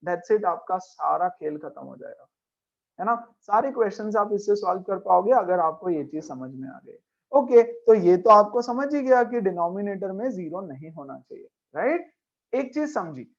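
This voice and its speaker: A man's voice: high-pitched, big pitch swings, moderate pace, gravelly, dull audio. A man teaching a maths class as a lecture, emphatic, repeating key points and checking in with his students. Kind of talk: classroom lecture mixing Hindi and English.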